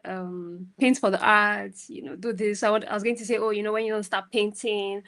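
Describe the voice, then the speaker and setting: A woman with a mid-range, slightly bright voice speaks at a steady pitch and a little quickly. She's a guest mentor on a video call, giving casual, conversational advice with emphasis. She checks in with the listener often, tagging phrases with "right?".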